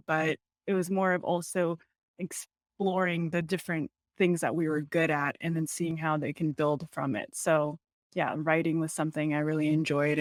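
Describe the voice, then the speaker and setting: A young woman with a low-set voice talks as a guest in a casual interview. She is relaxed and laughs easily between loose, filler-heavy sentences. The recording is close and dry, with no room sound. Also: dry recording.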